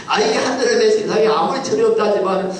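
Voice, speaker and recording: A pastor telling a childhood story in a sermon, acting out the people in it. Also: male voice, sits high, quick pace. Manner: animated storytelling, acts out voices. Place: large church hall. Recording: echoey hall from far off.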